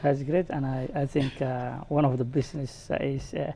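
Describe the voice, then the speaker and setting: Male community-show host, gravelly, halting delivery. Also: medium pitch, flat delivery, warm tone. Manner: halting, many fillers. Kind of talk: community interview. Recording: faint background noise.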